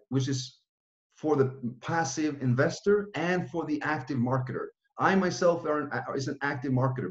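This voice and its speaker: A man in his thirties from Norway giving an online business presentation from a small room, talking casually with many fillers and restarts. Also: a little high. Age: 30s. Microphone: webcam video call. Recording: roomy, dull lo-fi webcam sound.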